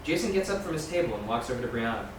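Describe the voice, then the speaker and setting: Racing through scene directions with lively intonation, a man narrates from the script at a screenplay table read in a medium-pitched voice. The large room echoes and he's distant from the mic. The recording is noisy and echoey.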